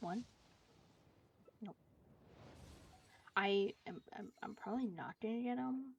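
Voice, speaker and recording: A woman game streamer chats casually during a livestream, hesitant and trailing off between thoughts. Her mid-range voice goes slowly with vocal fry, and there's slight background noise. The stream audio is dull and lo-fi, with music behind her.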